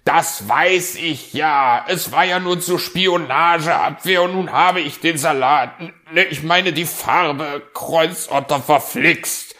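A man's voice: fairly low pitch, measured pace, gravelly, fairly bright tone. A man voicing a flustered, stingy male fox who blusters with silly oaths in a storybook reading.

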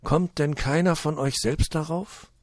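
A man's voice: mid-range voice, normal speed, a little mellow, no echo, clean studio sound, voice pushed up, lightly acted. Man playing a big, stubborn old man. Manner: firm and unwavering.

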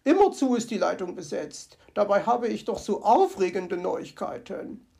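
Gossipy storybook magpie, excited chatter, pitched up; woman reader voices her. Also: normal speed, creaky. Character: gossipy female magpie, Frau Elster. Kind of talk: storybook character voice.

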